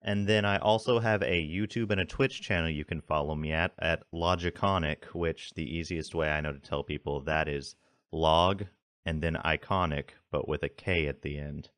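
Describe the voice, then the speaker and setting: A man co-hosting a casual podcast, relaxed and plain-spoken. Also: a bass voice, moderate pace, no echo. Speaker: podcast co-host.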